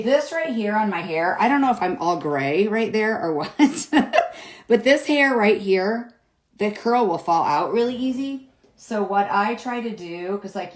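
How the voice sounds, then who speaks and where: A woman's voice: lowish voice, poor audio. A middle-aged woman chatting casually through a hair tutorial at home, rambling and joking at her own expense. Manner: chatty, self-deprecating, rambling with fillers. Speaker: beauty vlogger. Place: home, at a mirror.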